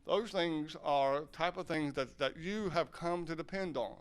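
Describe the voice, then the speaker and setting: A man's voice: on the high side, unhurried, clean tone. A man from southern Ohio who teaches sign language, giving a loose, self-correcting talk and questioning his audience.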